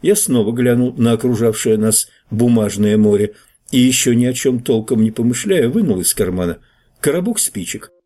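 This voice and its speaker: Man, audiobook narration, first-person, wry, husky, lively intonation. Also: medium pitch, normal speed.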